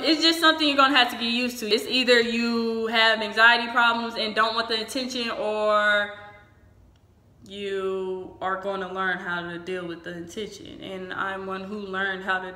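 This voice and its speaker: A woman's voice: a little high, fairly even intonation, moderate pace, bright, forceful tone. A woman chatting informally and frankly, giving casual advice as a vlogger. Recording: echoey room.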